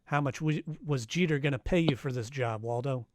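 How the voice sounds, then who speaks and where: In a noisy home live-stream, a man performs live as a wisecracking 1940s-style radio private eye, sardonic, wry and taunting. His natural-sounding voice is medium in pitch and fairly quick, with crowd noise in the background.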